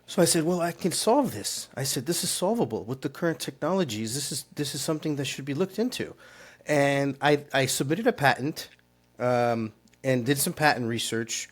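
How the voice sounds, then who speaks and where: A man's voice: mid-range voice, animated, moderate pace. Earnest rambling man from Turkey. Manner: rambling, earnest, with many fillers and restarts. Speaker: startup founder and CEO. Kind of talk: conversational interview storytelling.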